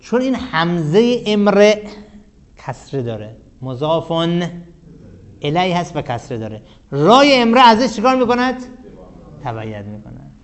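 A man with a fairly high voice teaches a grammar class. He keeps asking his students questions and answers them himself. His phrases fall to a low murmur at the end, and he chants lines of verse slowly. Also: sing-song.

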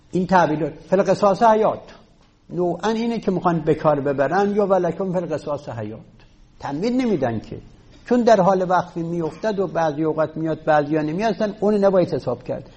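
A man's voice: fairly high pitch, expressive, a little mellow, dull audio. A man teaching a class, explaining step by step and counting items aloud. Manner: takes student questions. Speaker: teacher of Arabic rhetoric. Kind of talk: classroom lecture.

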